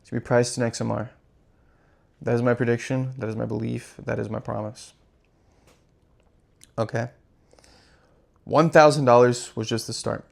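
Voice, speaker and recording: A man's voice: medium pitch, fairly even intonation, normal speed, gravelly, pauses often. A man hosting his own channel, delivering an impassioned, profane and repetitive rant. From United States. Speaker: crypto channel host. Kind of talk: impassioned monologue.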